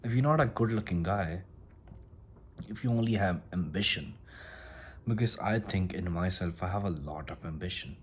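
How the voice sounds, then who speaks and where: Deep-voiced and speaking at a normal speed, this non-native English speaker offers a casual motivational monologue as a self-improvement vlogger, repeatedly restarting his phrases. A little hiss or hum runs under the recording.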